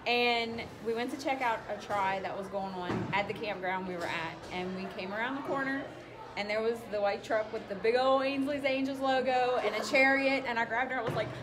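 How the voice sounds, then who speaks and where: A woman telling a story in animated casual chat. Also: on the high side, brisk. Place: busy indoor corridor. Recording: noisy corridor ambience.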